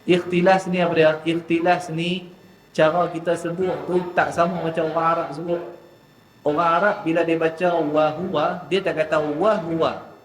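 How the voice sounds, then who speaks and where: A man teaching Quran recitation in a mosque class, drawing out letter sounds slowly before explaining quickly. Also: a little high, flat delivery. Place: mosque hall. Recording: echoey mosque hall with faint ambience.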